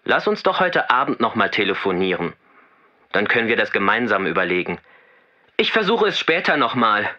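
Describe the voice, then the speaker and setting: A man leaves a friendly, chatty message on an answering machine. His voice is bright and forward. It plays back dull and lo-fi, as from the machine. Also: lowish voice, sing-song, moderate pace. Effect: message left on an answering machine. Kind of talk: scripted exam listening recording.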